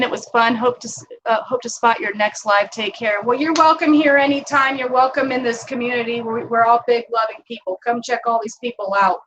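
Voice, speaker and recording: A woman's voice: sits high, fairly bright tone, slight background noise, poor audio. A woman hosting a casual live stream from home, chatting with viewers, greeting them by name and laughing often.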